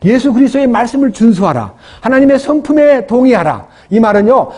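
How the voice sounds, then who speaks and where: A man's voice: sits high, warm tone. A man preaching a sermon as pastor, asking the congregation questions and acting out prayers in his own words. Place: church.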